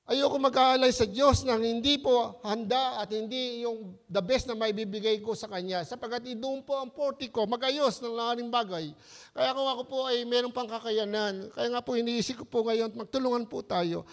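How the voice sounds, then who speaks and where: High-pitched, gravelly Filipino pastor preaching. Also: male voice, moderate pace, long reverb tail. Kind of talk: sermon.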